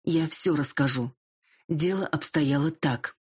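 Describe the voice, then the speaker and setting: A man's voice: fairly high pitch, unhurried, breathy edge. A woman reading the part of a nervous aging male singer who is a fox, talking in pleading, reluctant confessions.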